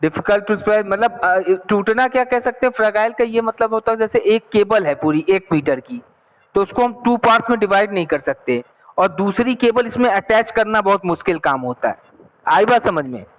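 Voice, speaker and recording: High-voiced male teacher explaining slowly. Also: lively intonation, poor audio. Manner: explains slowly, reads English text then repeats in Hindi; checks understanding often. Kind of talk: online class lesson.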